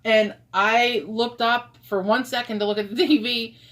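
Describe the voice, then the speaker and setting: A woman co-hosting a paranormal live stream, chatting in a relaxed, loose way. She fills her talk with "um" and "like" and breaks into laughter often, like someone among friends. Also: a little high, moderate pace. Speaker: paranormal investigator, co-host. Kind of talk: casual live-stream chat.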